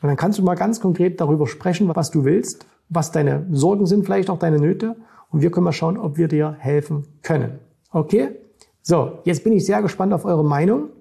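A middle-aged finance and stock-market coach talks casually and directly to camera, constantly addressing the viewer with "ne?" and "So." His voice is fairly high, creaky, husky and dark, at normal speed.

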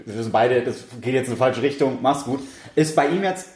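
A man's voice: mid-range voice, fairly quick, darkish tone. A young man in casual chat who tells a funny story with energy, acting out the dialogue and laughing often. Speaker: podcast co-host. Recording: roomy echo.

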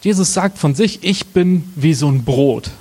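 A young adult man preaching a sermon, with dramatic pauses and slow, emphatic phrasing. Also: on the high side, expressive, dark tone, husky. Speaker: pastor.

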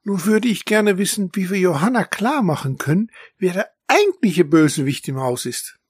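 A man putting on a soft-voiced female house cat. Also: high-pitched, lively intonation, moderate pace, breathy edge, no echo, clean studio sound, voice pushed up. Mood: curious.

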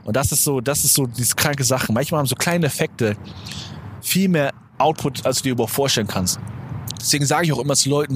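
Man in his twenties, casual motivational monologue, rambling and slangy, outdoors, traffic noise. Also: medium pitch. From Germany. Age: 20s. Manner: rambling, slangy, self-correcting. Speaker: podcast host. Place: outdoors on a street near a supermarket. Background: traffic and street noise.

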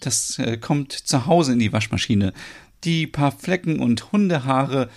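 A man's voice: medium pitch, animated, unhurried, gravelly, darkish tone. A man voicing Merit, a friendly young woman visiting a farm, who laughs things off lightly. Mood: easygoing.

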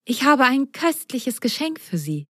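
A woman doing a squeaky sock monster. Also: big pitch swings, measured pace, a bit bright, dry recording, clean studio sound, full character voice. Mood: coaxing. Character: cheeky little sock monster puppet.

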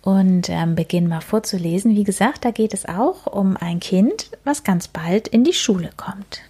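Slow, calm woman reading a children's story. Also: mid-range voice, husky. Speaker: reader of a children's book.

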